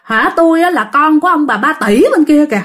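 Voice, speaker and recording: A woman's voice: high-pitched, lively intonation, a little fast, a bit bright, voice pushed up. A woman with a Southern Vietnamese accent voicing the pleading ghost of a drowned village boy, rambling and begging with many fillers.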